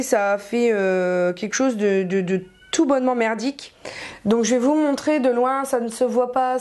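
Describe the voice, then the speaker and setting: A young woman chats through a beauty haul at home, frank and slangy, with lots of fillers. Her voice sits a little high for a woman. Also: a little mellow. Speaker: beauty vlogger. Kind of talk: casual haul review.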